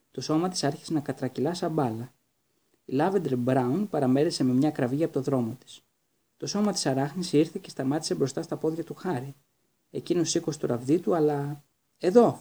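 A man narrating an audiobook in a steady, even storytelling read. His voice is dark and mellow, with a husky edge to it. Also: on the high side.

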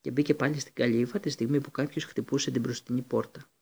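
A man reading a storybook aloud, steady, with occasional slips and restarts. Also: medium pitch, gravelly, breathy edge. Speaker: audiobook reader. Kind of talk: storybook narration.

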